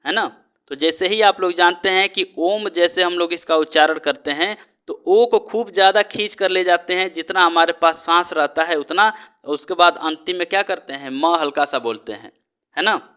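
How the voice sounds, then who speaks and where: A man's voice: sits high, sharp tone, clear, resonant tone. A man teaching an exam-prep lesson, who asks rhetorical questions and answers them himself and keeps checking in with his students. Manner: stretches out the sounds he teaches.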